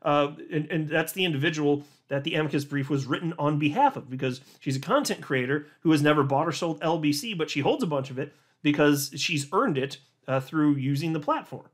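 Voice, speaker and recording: Animated and brisk, barely pausing, a man with a voice on the high side hosts a crypto commentary and reads a legal filing aloud. He reacts with sarcastic disbelief and incredulous laughter, frequently restarting words as he gets worked up.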